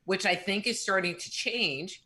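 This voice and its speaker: A woman's voice: medium pitch, unhurried, pushed and bright. A woman co-hosting live radio in casual chat, talking in a reflective, rambling way with frequent restarts. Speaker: radio show co-host.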